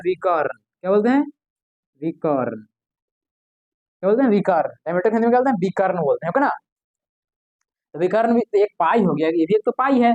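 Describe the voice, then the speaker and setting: A man's voice: high voice, darkish tone, dry recording, dull audio. A man teaching an exam-prep math lesson, often asking the class a question and answering it himself.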